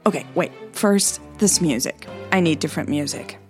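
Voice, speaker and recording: Her voice sits low and moves at a normal speed while faint music plays behind her. As a podcast host and storyteller, she alternates between reading scripted tales and casual banter, with a playful, self-mocking, informal manner.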